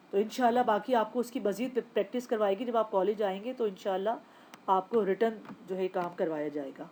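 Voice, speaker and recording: A woman's voice: mid-range voice, darkish tone. A woman teaching a recorded Urdu class, explaining step by step and answering her own questions, with a Pakistani Urdu accent. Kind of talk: recorded lecture.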